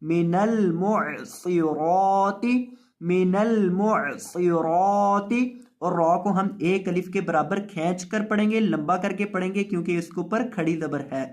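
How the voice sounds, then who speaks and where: A man with a Pakistani Urdu accent teaching Quran reading, spelling out letters and drawing out each syllable in a slow recitation lesson. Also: sits high.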